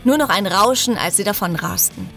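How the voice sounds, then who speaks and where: A woman narrating a fantasy story in a steady, expressive reading voice. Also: medium pitch, a little fast, gravelly, over music. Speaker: audiobook narrator.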